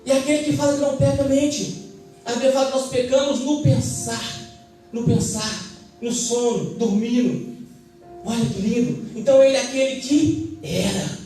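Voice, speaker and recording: A man's voice: very high-pitched, moderate pace, warm tone, soft background music. A man with a Brazilian Portuguese accent preaching a fervent sermon and calling for amens from the congregation. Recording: echoey church hall, mic at a distance.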